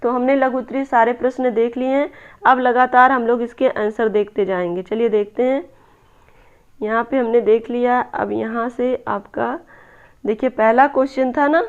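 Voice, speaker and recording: A woman's voice: fairly high pitch, smooth. A woman tutoring for a teaching exam, walking through answers step by step, often asking a question and then answering it herself. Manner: repeats "दोस्तों", asks and answers own questions. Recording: slightly dull lo-fi audio.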